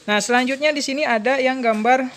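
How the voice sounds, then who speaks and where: A woman's voice: sits high, fairly quick, a little hiss or hum. Chatty woman. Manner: chatty, explains step by step. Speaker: motorcycle alarm installer. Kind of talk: casual product demonstration.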